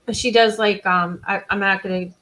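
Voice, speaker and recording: A woman's voice: mid-range voice, steady tone, brisk, bright, forceful tone, low-quality recording. Woman rambling on a live podcast, giggly, kinda self-deprecating, super casual. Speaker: podcast co-host. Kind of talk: casual live-stream chat.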